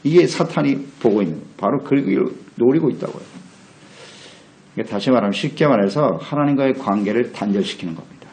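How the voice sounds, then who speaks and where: A man's voice: mid-range voice, expressive, fast, darkish tone, low-quality recording. A male pastor preaching a meditation sermon, earnest, putting rhetorical questions to his listeners. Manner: earnest, asks the congregation rhetorical questions, acts out quotes.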